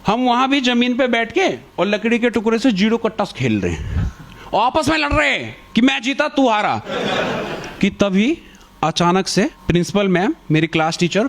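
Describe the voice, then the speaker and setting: A man doing stand-up, telling a school story in an animated way and acting out the scenes. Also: high voice, normal speed. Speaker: stand-up comedian. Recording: noisy recording.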